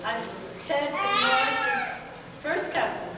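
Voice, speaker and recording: A woman's voice: very high-pitched, wildly swooping pitch, slow. An older woman from England with a southern English accent, introducing herself plainly at a family dinner. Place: large indoor hall at a dinner. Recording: echoey hall, far camcorder mic, loud hiss.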